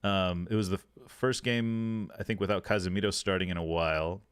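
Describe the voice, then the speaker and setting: A man's voice: sits low, fairly even intonation, a little fast, clear, resonant tone, no room sound, studio quality. A man hosting a casual football podcast, rambling with many fillers and restarts. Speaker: podcast host.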